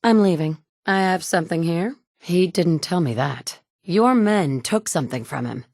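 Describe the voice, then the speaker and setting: Voicing the player character in a video game, an actress in her thirties portrays a tough, dry-humored survivor with a blunt, no-nonsense delivery. Her voice runs on the low side with a darkish tone and lively intonation at normal speed, recorded on a studio mic in a booth with no room sound.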